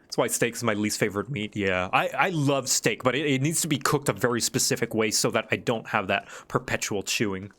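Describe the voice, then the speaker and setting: A man's voice: medium pitch, a little fast, few pauses, a bit bright. A man live-streaming a game, chatting casually with rambling, playful asides.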